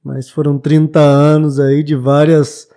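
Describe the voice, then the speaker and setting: Reflective Brazilian man, late 20s, podcast guest; mellow tone, slightly higher pitch, halting restarts. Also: level tone, smooth. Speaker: bookshop owner, guest. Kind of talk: casual podcast interview.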